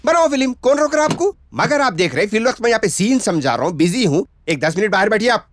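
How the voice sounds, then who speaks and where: An actor with a Hyderabadi accent playing a scheming, sarcastic small-time film director who flatters and bosses people. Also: male voice, sits high, fast talker, background noise. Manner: wheedling, sarcastic, excitable. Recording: film soundtrack with loud background music.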